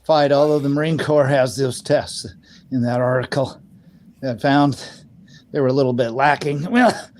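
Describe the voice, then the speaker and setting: A man's voice: medium pitch, normal speed, darkish tone, slight background noise. A man co-hosting a casual political podcast, talking in an opinionated, rambling way with many fillers and restarts. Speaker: podcast co-host.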